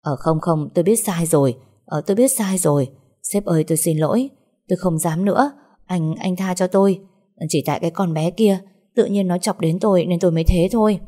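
A woman's voice: lowish voice, fairly quick, mellow, lightly acted. A woman voicing a drunk, lecherous older male sales manager who blusters and then grovels, stammering through fillers. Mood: pleading.

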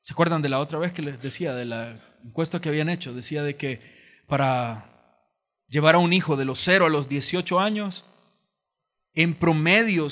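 In a church auditorium with long hall reverb, a pastor delivers a sermon, acting out quoted voices as he tells stories in a conversational style. His voice is a little high and fairly bright.

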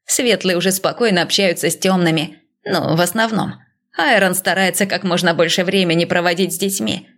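A woman voicing a gentle, cautious male god who speaks in a soft, hesitant, reassuring way. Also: lowish voice, fairly quick, close to an everyday voice.

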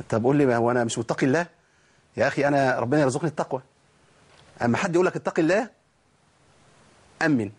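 A man with an Egyptian Arabic accent teaching Quran recitation, speaking in a relaxed colloquial way and drawing out letters slowly to demonstrate them. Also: mid-range voice, breathy edge. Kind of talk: tajweed lesson.

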